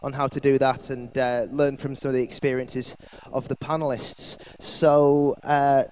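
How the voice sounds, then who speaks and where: A man moderating a panel discussion, halting and full of fillers. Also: medium pitch, little pitch movement, a little mellow. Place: conference hall. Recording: echoey hall, faint background noise.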